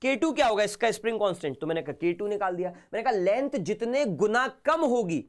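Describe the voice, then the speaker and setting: A man with a sore, hoarse throat teaching physics in a casual, chatty live online class. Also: sits high, lively intonation, fairly quick. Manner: casual, chatty, talks to students informally.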